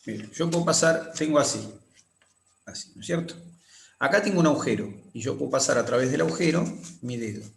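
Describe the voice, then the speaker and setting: A man lecturing on anatomy, explaining slowly, repeating key terms and often checking that students follow. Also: mid-range voice, expressive, vocal fry. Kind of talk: classroom lecture with drawing demonstrations. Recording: echoey room.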